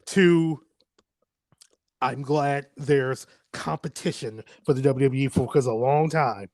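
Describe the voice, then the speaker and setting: A man's voice: mid-range voice, slow, a little mellow, no echo. A man, hosting a casual podcast chat, rambling, laughing often and swearing freely. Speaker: podcast host.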